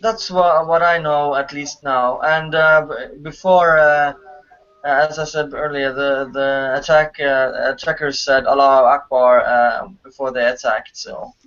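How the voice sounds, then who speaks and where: A man hosting a livestream, giving a halting, hesitant news update over a muffled call line that makes him sound underwater. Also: a little high, steady tone, a bit bright. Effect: muffled, underwater-sounding online call audio. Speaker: stream host. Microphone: remote voice call.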